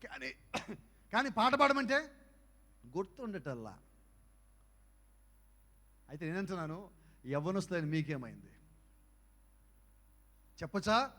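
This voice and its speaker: A man preaching to a youth camp in a big hall, his voice very high and bright, with long reverb trailing every phrase. He keeps throwing rhetorical questions at the crowd and swings from quiet asides to loud exhortation. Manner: fires rhetorical questions at the audience. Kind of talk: evangelical youth sermon.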